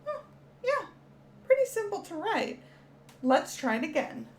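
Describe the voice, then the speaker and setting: Slow, high-voiced woman teaching children. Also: very animated. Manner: cheerful, encouraging, speaks to children. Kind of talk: children's educational lesson.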